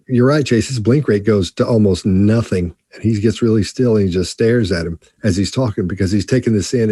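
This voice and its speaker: A man on a panel walking through someone's reactions in an interview clip, steady and explanatory. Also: lowish voice, breathy edge, no room sound, clean studio sound. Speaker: body language analyst. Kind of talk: panel video analysis.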